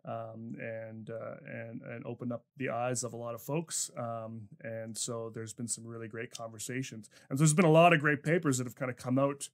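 A man's voice: medium pitch, steady tone, normal speed, creaky, hardly any pauses. A man hosting a podcast interview, talking casually with many fillers and restarts. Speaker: podcast host.

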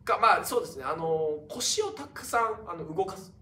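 A young male comedian in casual, laughing chat, answering viewer questions with his partner. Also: sits high. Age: young adult. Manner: lively, laughing, quick back-and-forth. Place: theater talk set. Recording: roomy, from some distance, faint hiss.

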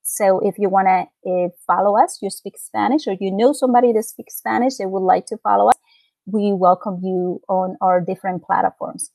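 A young woman moderating an online webinar from a room at home, heard over a video call. Her voice sits at a middle pitch and sounds dry and close. She talks in a friendly way, with frequent ums and uhs. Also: fairly even intonation, normal speed, gravelly, a little mellow, no room sound, rough recording. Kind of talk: live webinar hosting.

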